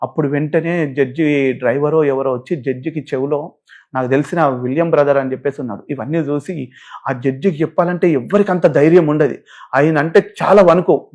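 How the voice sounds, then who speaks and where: A man's voice: fairly high pitch, a little fast. A man with a Telangana Telugu accent, a pastor telling his own story as a guest in an interview. He relates it with feeling and acts out the voices of the people he quotes. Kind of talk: emotional personal testimony in an interview.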